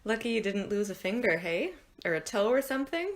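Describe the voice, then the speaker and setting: A woman's voice: medium pitch, sing-song, a little fast. Casual woman with a mid-range voice. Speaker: listener reacting to a family story. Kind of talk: casual chat.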